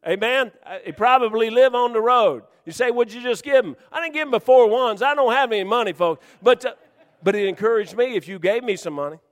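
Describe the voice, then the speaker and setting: A man preaching a sermon to his church in a folksy, joking way, swinging from loud shouts to hushed, quiet lines. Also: extremely high pitch, expressive, fairly quick, big-room sound. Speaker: pastor.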